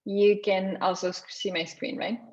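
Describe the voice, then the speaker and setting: Young Lithuanian-born woman presenting over video call, chatty and unpolished, mid-pitched. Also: little pitch movement, moderate pace. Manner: conversational, with frequent restarts. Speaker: guest speaker. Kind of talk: online meetup talk. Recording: slightly dull video call audio.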